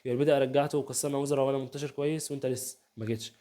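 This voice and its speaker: A man's voice: mid-range voice, steady tone, mellow. A young man with an Egyptian Arabic accent analyzing a chess game in a casual, chatty way, often checking in with the listener. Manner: rapid, chatty, keeps asking "تمام؟", voices players' banter. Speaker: chess youtuber. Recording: home setup, first video.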